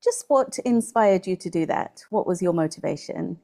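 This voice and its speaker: A woman in her forties with a mellow, rounded tone. She asks questions at a middle pitch and keeps the talk going with short listening sounds. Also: moderate pace, vocal fry. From England. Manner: warm interviewer with steady listening sounds. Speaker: online English tutor. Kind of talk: casual video-call interview.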